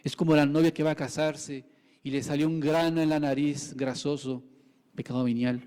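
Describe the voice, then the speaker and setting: Priest guy giving a sermon to kids, dark mellow voice, big echoey chapel. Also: fairly high pitch, little pitch movement, normal speed, clear, resonant tone. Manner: catechizing tone, addresses children, acts out their replies.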